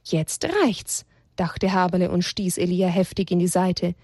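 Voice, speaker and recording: A woman reading a children's story aloud in a gentle, expressive storytelling voice. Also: fairly low pitch, moderate pace, no room sound, clean studio sound.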